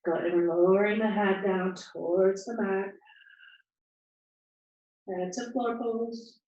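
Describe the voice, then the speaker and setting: A woman leading a yoga class, giving calm, encouraging cues and counting breaths, a little out of breath as she moves. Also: mid-range voice, takes it slowly. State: slightly out of breath. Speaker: yoga instructor. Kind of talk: guided yoga class instruction. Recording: distant, echoey, muffled room sound.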